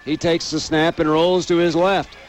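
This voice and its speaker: An American radio announcer with a high-leaning voice narrates a football game live at a moderate pace. It's an outdoor stadium broadcast, noisy, with a constant hum of ambient sound.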